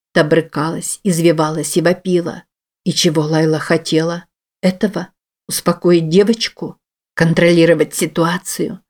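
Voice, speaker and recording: Low-voiced woman narrating a novel. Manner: steady, even storytelling. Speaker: audiobook narrator. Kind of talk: scripted narration.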